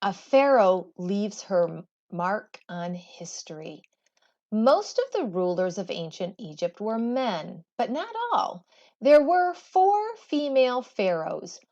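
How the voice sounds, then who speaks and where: Over a muffled recording, a woman at medium pitch reads a textbook to young students. She takes her time, giving the lines a storybook lilt with expressive pauses.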